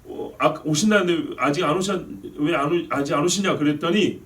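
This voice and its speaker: A man's voice: a little high, normal speed, far from the mic. A male pastor preaching a sermon, telling stories and often asking the congregation questions. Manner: animated storytelling with questions to the congregation. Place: church sanctuary.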